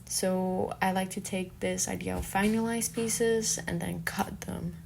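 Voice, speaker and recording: An unhurried, darkish mid-range voice with vocal fry and little pitch movement comes through with a little hiss or hum. The young woman, a native Spanish speaker with a Colombian accent, is an artist and fine arts student talking reflectively about herself in a casual monologue.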